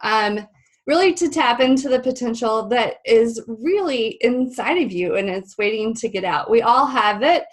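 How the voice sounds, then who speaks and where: Speaking at a normal speed with lively intonation, this webinar host has a slightly high voice. She's presenting live over a video call, a little nasal and congested, keeping things friendly and conversational with many ums.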